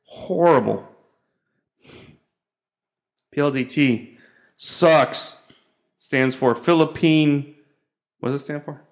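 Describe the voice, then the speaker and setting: A man's voice: on the high side, fairly even intonation, slow pace, pauses often. Rambling, exasperated man ranting. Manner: profane, rambling, exasperated storytelling. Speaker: host. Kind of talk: casual rant to camera.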